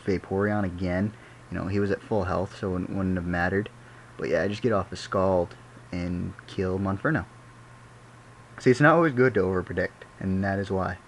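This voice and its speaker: A man's voice: deep voice, fairly even intonation, moderate pace, slight background noise, low-quality recording. A young man casually talking over his own game battle, rambling and correcting himself as he goes. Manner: rambling, self-correcting, chatty. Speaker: gaming commentator.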